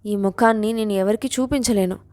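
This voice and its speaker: A woman's voice: mid-range voice, brisk, darkish tone, dry recording, natural voice. A woman reads a sobbing, distraught young woman in a storybook tale, her words broken by crying. The sound is dry and close. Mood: tearful.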